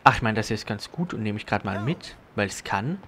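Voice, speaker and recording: A young man giving casual, rambling commentary as he plays a video game, talking to himself and breaking into sudden loud exclamations. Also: on the low side, expressive, fast, slightly rough. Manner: chatty self-talk with sudden loud exclamations. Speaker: let's play host.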